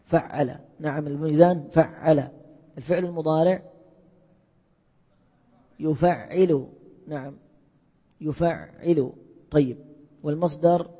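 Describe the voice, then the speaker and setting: A male teacher with a husky, mellow voice leads a classroom lesson, firing questions at his students and echoing their answers. The sound is muffled and lo-fi, with a long reverb from a large hall. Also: fairly high pitch, steady tone, slow, long pauses. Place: lecture hall.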